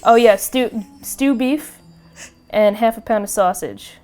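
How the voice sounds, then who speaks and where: A woman's voice: fairly high pitch, takes it slowly, mellow. A woman with a New York accent co-hosting a casual podcast chat, rambling and laughing often. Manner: giggly, rambling, lots of fillers and restarts. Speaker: podcast co-host.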